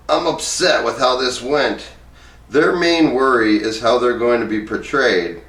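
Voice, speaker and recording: Here a man reads excerpts from a book in a plain, informal way, speaking every part of the interviews himself. The voice sits fairly low with a bit of brightness. It's captured far from the microphone in an echoey, roomy space.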